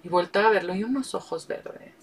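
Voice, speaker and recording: A middle-aged Mexican woman, a guest, telling a candid story with frank, animated delivery and frequent laughs. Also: medium pitch, a little fast, breathy edge. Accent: Mexican Spanish. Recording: voice distant from the mic.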